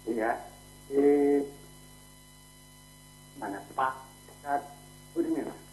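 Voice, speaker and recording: A man calling in by phone, talking in hesitant fragments over a choppy line that keeps cutting out. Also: medium pitch. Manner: halting, hesitant, short fragments. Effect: choppy phone line that keeps breaking up. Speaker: caller. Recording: echoey phone call that cuts in and out.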